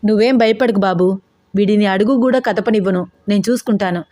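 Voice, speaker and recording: A woman's voice: mid-range voice, brisk, dark tone, lightly acted. A woman reading a story aloud and voicing a confident older uncle who reassures and boasts. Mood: reassuring.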